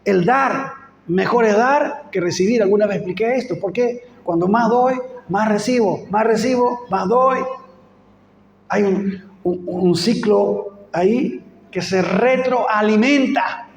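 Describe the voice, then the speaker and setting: Argentine man, pastor; high, fervent sermon delivery in a reverberant church hall. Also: unhurried, slight background noise. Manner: fervent, rising to emphatic peaks. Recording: echoey hall with faint ambience.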